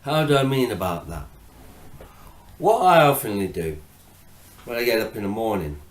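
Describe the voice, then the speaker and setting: A male hypnotherapist talking informally and hesitantly about hypnotherapy, with many fillers, then gently guiding the listener through their breathing. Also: lowish voice, very animated, normal speed, roomy sound. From England. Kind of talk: informal talk to camera on hypnotherapy.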